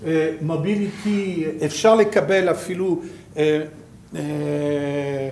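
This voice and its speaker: A man with a fairly high-pitched voice and a French accent presents slides to researchers. He speaks informally and haltingly, often feeling around for the next word. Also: fairly even intonation, a little mellow, a little hiss or hum. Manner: halting, searching for words. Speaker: programme director presenting to researchers.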